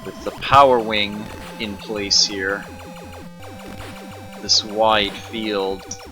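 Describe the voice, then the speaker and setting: A man's voice: fairly low pitch, flat delivery, very slow, pushed and bright, soft background music. A man streaming a retro arcade game, giving casual, rambling commentary with wry, self-deprecating asides. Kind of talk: casual live gameplay commentary.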